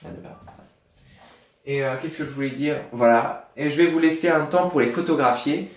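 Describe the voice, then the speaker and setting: Patient teacher, roomy distant sound. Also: male voice, on the high side, steady tone, brisk, a little hiss or hum. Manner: patient, explains word origins with many fillers. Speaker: primary school teacher. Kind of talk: remote spelling lesson. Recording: roomy, from far off the mic.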